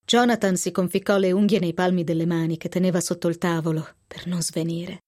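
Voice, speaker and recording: A woman reading a novel aloud on the radio, raising her voice for the characters' lines. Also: a little fast. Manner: expressive reading, lifting pitch for quoted speech. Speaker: reader. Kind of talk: scripted narration of a novel. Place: radio studio.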